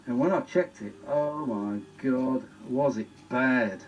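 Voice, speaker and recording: At a slow pace and medium pitch, a British man, a vintage audio repair vlogger, gives a casual, meandering demonstration, talkative and given to exclaiming. The sound is lo-fi and noisy, with distinct background noise.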